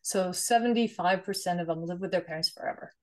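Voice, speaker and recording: A Swedish woman in her forties, an investor and nonprofit founder, explains her work as a guest in a conversational interview, earnest and often checking in with "right?". She speaks fast, in a fairly low, slightly mellow voice.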